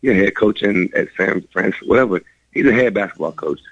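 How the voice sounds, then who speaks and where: Deep, gravelly man rambling fast on radio. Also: no room sound, dull audio. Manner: rambling, animated, many restarts. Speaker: former college basketball player, guest. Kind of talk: storytelling in a radio interview.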